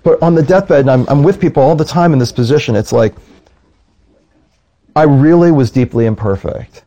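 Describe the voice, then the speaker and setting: A rabbi speaks in a reflective, conversational way at a moderate pace, his mid-range voice warm and mellow. He stays earnest and slips into quoted voices while telling his stories.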